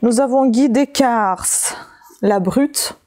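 A woman with a mellow, slightly high voice talks slowly through a pile of found books. She hesitates often, filling gaps with small sounds as she reads out titles. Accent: French-speaking with a non-native accent. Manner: slow, hesitant listing with many fillers. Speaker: vlogger showing found books. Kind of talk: casual haul video chat.

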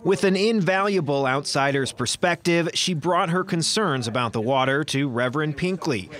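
A young male field reporter narrates a news package in a measured, formal way. His voice sits a little high for a man. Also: fairly bright tone.

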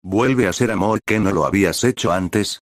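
Grumpy lustful girl spirit read by a man, low dry voice. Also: moderate pace, no echo, close to an everyday voice. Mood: grumbling. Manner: grumbling, complaining. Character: lustful female spirit side of a girl, impatient.

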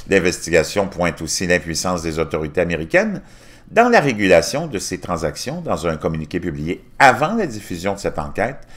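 Low-voiced man reading news aloud. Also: fairly bright tone. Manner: reads haltingly, restarting words and adding asides. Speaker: YouTube channel host.

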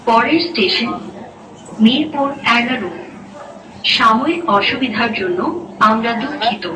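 A woman giving slow, formal prerecorded station announcements over a metro train's PA loudspeaker. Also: a little high, expressive. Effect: heard over a train PA loudspeaker. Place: inside a moving metro train carriage. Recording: echoey, distant, loud train noise.

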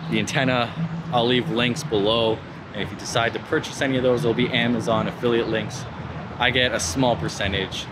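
In a noisy setting, a man from Canada uses his mid-range voice for a relaxed, practical tutorial aimed at the camera. As a vlogger, he's showing a vehicle install from inside the vehicle and from under an overpass outdoors.

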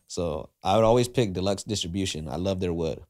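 A young Southern Californian skateboarder, appearing as a guest, tells casual stories into a boom-arm podcast mic in a cluttered indoor garage studio. His voice sits low, brisk and a little mellow, and he acts out quoted dialogue with animation.

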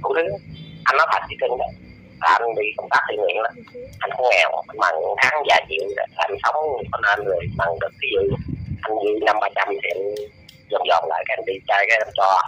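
A man in his eighties with a Southern Vietnamese accent, talking as an interview guest and lecturing in a scolding, preachy way, his pitch leaping up and down. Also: fast, sharp tone, slight background noise, low-quality recording. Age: 80s. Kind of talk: casual lecturing chat.

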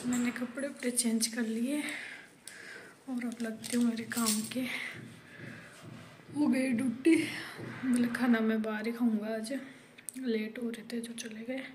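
A high-pitched woman talks quietly to the camera in a casual home vlog, murmuring as she goes about her day. The phone recording carries clear background noise. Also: steady tone, a little slow, pauses often. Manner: soft murmured narration to camera. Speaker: vlogger.

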